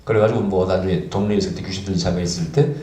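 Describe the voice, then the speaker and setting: Lively storytelling pastor, echoey church. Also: male voice, low-pitched, racing. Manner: animated, acts out dialogue in the story. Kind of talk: storytelling sermon.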